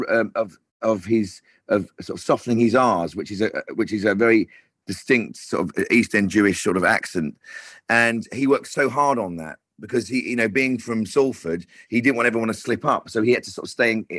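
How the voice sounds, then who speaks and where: A man in a casual interview talks at length about directing, his voice sitting a touch low. He rambles and restarts often. The sound is close and dry. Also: brisk, a bit bright, no room sound. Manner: rambling, many restarts and fillers.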